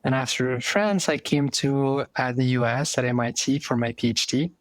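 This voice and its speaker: A man's voice: mid-range voice, moderate pace, no echo. A man in his thirties from Morocco with a Moroccan accent, a guest talking through his story thoughtfully with many fillers and restarts. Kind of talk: casual interview.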